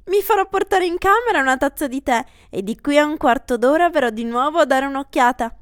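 A woman's voice: sits high, lively intonation, brisk, dry recording, clean studio sound. A woman voicing a fussing mother who speaks in a raised, reassuring way.

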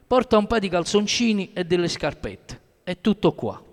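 A gruff middle-aged boxing coach barks short instructions, as a male reader puts him on. The voice sits high for a man. A long reverb hangs behind him, as in a large hall, which suits a storybook reading. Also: very animated, moderate pace. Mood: curt. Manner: curt, barking instructions.

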